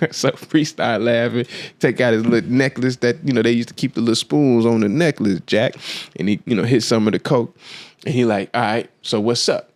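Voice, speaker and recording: A man's voice: mid-range voice, moderate pace, darkish tone, dry recording. A man hosting his own show, telling a film story in a casual, slangy way and acting out the quotes as he goes. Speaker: podcast host. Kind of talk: casual monologue, film analysis.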